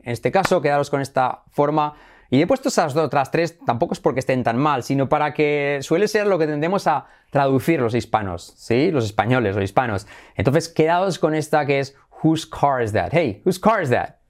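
A man with a Spanish accent from Spain, teaching English as a quiz and slowly modeling the pronunciation of each phrase. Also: a little high, a little mellow. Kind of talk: quiz-style language lesson.

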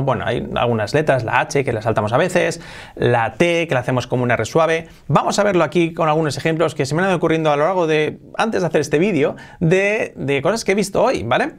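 A young man with a Spanish accent from Spain, teaching an English lesson in Spanish. He speaks with energy and repeats English phrases slowly, then quickly. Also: a little high. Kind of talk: bilingual video lesson.

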